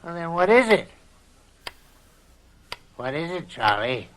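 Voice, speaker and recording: Sharp-voiced, callous old uncle. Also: male voice, on the high side, very animated, takes it slowly, exaggerated voice. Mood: dismissive, prodding. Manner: mocking, folksy, blunt. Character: callous, smirking, lecherous older uncle on a farm. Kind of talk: radio drama acting. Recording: old radio recording with faint noise.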